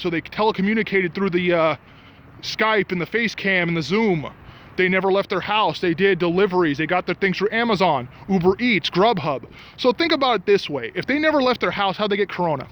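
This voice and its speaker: High voiced guy ranting on his vlog outside at night, getting all worked up. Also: lively intonation, brisk, fairly bright tone. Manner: ranting, gets worked up and angry. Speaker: vlogger. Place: outdoors at night by restaurants.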